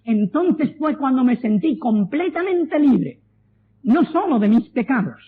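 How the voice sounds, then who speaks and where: Earnest high-voiced Spanish preacher. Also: male voice, breathy edge, phone-quality sound. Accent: Spanish from Spain. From Spain. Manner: earnest, exhorting, slows for emphasis. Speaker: preacher giving testimony. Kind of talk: preaching a testimony to a congregation.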